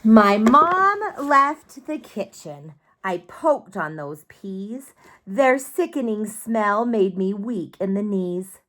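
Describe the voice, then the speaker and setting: A woman storyteller reading a rhyming children's picture book aloud with slow, expressive sing-song rhythm. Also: mid-range voice.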